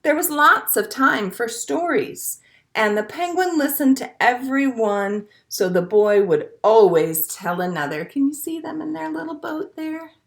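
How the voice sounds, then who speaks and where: With a high, animated voice marked by vocal fry, a children's storytime host reads a picture book at a measured pace. She performs it expressively for young children, weaving in songs and asides and speaking to them simply and encouragingly.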